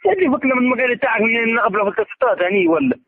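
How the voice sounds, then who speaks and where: An Algerian man argues over the phone in a high voice, firing off words extremely fast. He sounds exasperated and pushy, and the line is thin and tinny. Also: expressive, dry recording. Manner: exasperated, insistent, combative. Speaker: caller demanding repayment of a debt. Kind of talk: heated argument over the phone. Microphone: telephone.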